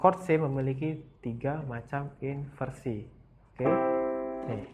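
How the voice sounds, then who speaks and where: A man's voice: medium pitch, slow pace. A man from Palembang with a Palembang Indonesian accent, teaching a casual beginner piano lesson and patiently checking in with "oke?" after each step. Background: piano keyboard notes.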